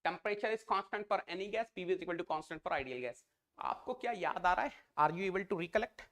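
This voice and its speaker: A man's voice: high-pitched, expressive, takes it slowly, a bit bright. A man with an Indian English accent, teaching a live online exam-prep class in a Hindi-English mix, repeating each phrase and coaxing his students to answer. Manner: repeats phrases, coaxes students, calls them "beta".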